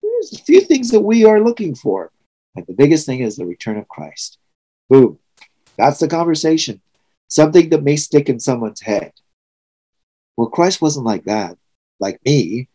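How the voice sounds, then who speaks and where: A man's voice: a little high, huge pitch swings, moderate pace, pauses often, dark tone, poor audio. A sixty-year-old man from Trinidad and Tobago, preaching a sermon in an earnest, reflective way with emphatic swells. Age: 60s.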